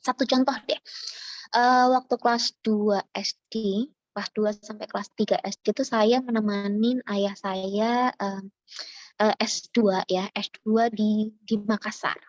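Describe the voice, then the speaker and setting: A woman from Java, a university lecturer, speaking in a chatty, animated way with many fillers, as a webinar speaker. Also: medium pitch, a little slow, no room sound, dull audio. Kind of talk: informal lecture. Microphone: video call.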